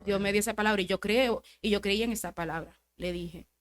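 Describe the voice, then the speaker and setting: A woman's voice: mid-range voice, fairly quick. A woman, a podcast guest, tells an emotional religious testimony, acting out quoted dialogue and repeating phrases for emphasis. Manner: storytelling, acts out quoted dialogue.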